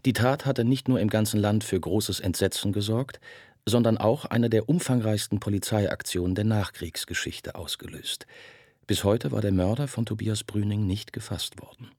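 Deep, husky male audiobook narrator. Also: a little mellow, no room sound, studio quality. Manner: measured, grave storytelling. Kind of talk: scripted narration.

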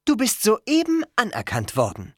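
A reader raising the pitch for a confident teenage girl leader. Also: wildly swooping pitch, moderate pace, no room sound, studio quality. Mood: firm. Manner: firm, reassuring, takes charge. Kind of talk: audiobook character voice.

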